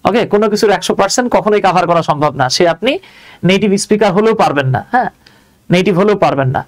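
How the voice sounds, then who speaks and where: A man's voice: high voice, fast talker. A man teaching an English lesson live, chatty and often checking that viewers follow.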